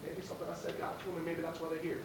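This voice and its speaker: A guest motivational speaker, a fight trainer, gives a pre-game pep speech in a slightly high, completely flat voice, firing off short, emphatic, rallying phrases at rapid speed. The recording is roomy, with a distant mic and clear background noise.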